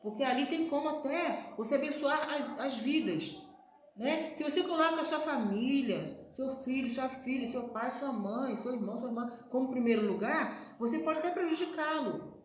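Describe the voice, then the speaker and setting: A woman's voice: high-pitched, expressive, moderate pace. Echoey chatty woman preaching. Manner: chatty, repeats "né" and "gente" to the listeners. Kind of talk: informal sermon. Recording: very echoey room with faint noise.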